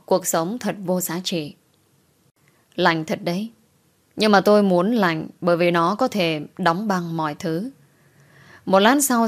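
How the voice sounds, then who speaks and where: A woman narrating a first-person audio story in a wistful, emotional way. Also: fairly low pitch.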